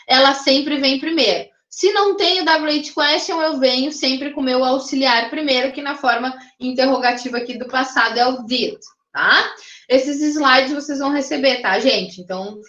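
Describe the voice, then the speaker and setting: A woman's voice: high voice, fairly bright tone, reverberant, muffled recording. A woman teaching an English grammar class in Portuguese, with a Brazilian Portuguese accent, explaining patiently and checking in often with her students. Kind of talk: online class lecture.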